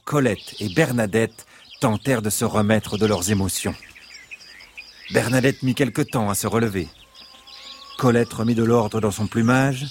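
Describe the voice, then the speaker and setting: A man narrating a children's bedtime story in an expressive storytelling way. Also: medium pitch, a little hiss or hum.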